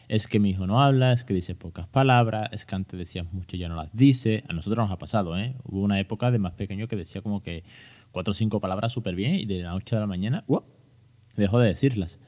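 A man's voice: on the low side, a little mellow. A man in his thirties with a Spain Spanish accent hosting a casual podcast, chatty and joking, with many fillers and restarts. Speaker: podcast host. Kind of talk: casual educational podcast talk.

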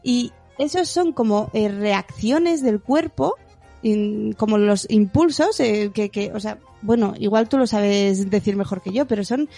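A woman's voice: medium pitch, a little slow, gravelly, mellow, soft background music. A woman from hosting a podcast, chatting casually and exclaiming often. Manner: chatty, exclaims and reacts a lot. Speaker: podcast host. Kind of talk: casual chat.

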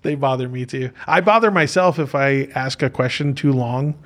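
A man's voice: mid-range voice, normal speed. A man hosting a casual podcast interview, talking in a chatty, jokey, informal way. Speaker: podcast host. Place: podcast studio.

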